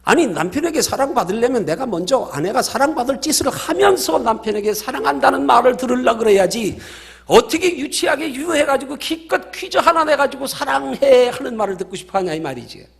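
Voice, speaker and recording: Animated, gravelly male preacher. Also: very high voice, brisk. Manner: emphatic, storytelling preacher. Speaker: pastor. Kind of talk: sermon.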